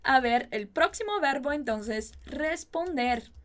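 A woman, a native Portuguese speaker, teaching a Spanish lesson, saying drill sentences slowly and chatting between them. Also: high-pitched, animated, a bit bright. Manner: slow, exaggerated drill phrasing, chatty asides.

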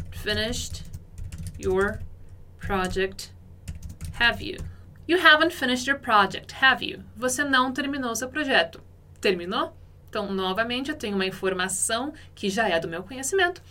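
A woman with a Brazilian Portuguese accent teaches English in a didactic, explanatory way. Her voice is bright and a little high, and she slows down to model each English phrase before explaining it.

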